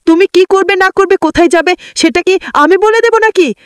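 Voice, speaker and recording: A woman's voice: very high voice, a little fast, no room sound, clean studio sound, pitched above the performer's own voice. A woman voicing a proud, firm young woman.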